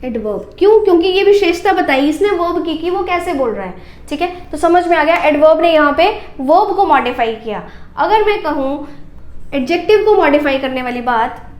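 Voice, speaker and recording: A woman's voice: high voice, lively intonation, normal speed, echoey room. A woman teacher giving a grammar lesson, explaining step by step and asking questions she answers herself.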